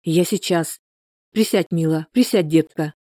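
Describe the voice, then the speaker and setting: A flustered young husband, put on by a woman reading a storybook, talking in hurried shouts. The voice stays low and mellow, recorded close and dry. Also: no echo. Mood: anxious.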